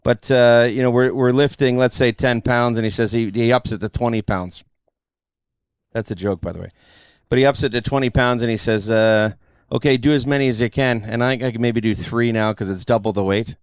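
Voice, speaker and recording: A man hosting a podcast, telling stories in a brash, profane, animated way. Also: medium pitch, normal speed, smooth, no echo, studio quality. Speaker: podcast host. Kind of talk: casual podcast chat.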